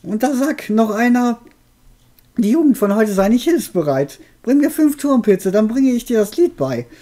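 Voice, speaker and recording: An old video game witch, acted out by a man, speaks in a raised, high voice. She is amused and helpful, with deliberate delivery. Music plays behind her. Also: very animated, warm tone.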